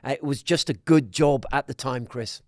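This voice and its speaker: A man's voice: mid-range voice, dry recording. Middle-aged man, dry close sound. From Scotland. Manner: measured, with frequent restarts and fillers. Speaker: guest, business council president. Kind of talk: conversational podcast interview.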